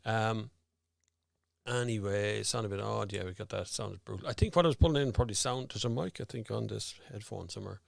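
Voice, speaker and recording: Sorting out his audio live, an Irish host chats and rambles through a casual stream. He speaks fairly quickly in a lowish voice with vocal fry, recorded dry at studio quality using a studio mic and headphones.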